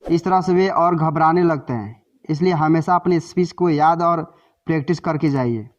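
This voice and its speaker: A man's voice: on the high side, normal speed, muffled recording. A man narrating a self-help book summary in an explanatory way, sometimes correcting himself mid-sentence.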